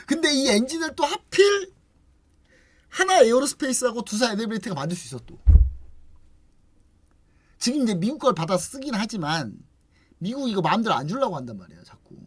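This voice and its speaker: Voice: mid-range voice, a little fast, long pauses, breathy edge. An investment channel host in casual explanatory talk, telling it like a story and acting out what others say. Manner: lively storyteller acting out quoted remarks; chatty, frequent rhetorical questions.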